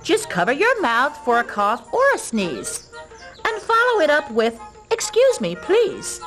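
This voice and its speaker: A woman's voice: sits high, wildly swooping pitch, a little slow, a bit bright, soft background music, heavily acted. A woman doing a prim, genteel manners lady. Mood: instructive. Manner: genteel, sing-song, speaks advice in rhymes, calls others dearie. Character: prim, sweet older-fashioned lady manners expert. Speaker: manners advisor host. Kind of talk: children's show character acting.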